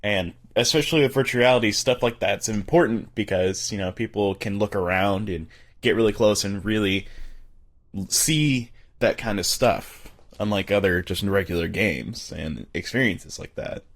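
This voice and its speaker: A man's voice: fairly low pitch, normal speed, a bit bright. A man giving casual gameplay commentary in an informal, chatty way as a video host.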